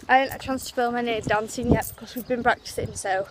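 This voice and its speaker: A woman's voice: a little high, steady tone, fast. A young woman chats casually as she vlogs on a handheld phone. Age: teens. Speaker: vlogger. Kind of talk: casual vlog chat. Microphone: handheld phone camera at arm's length. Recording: noisy handheld phone recording.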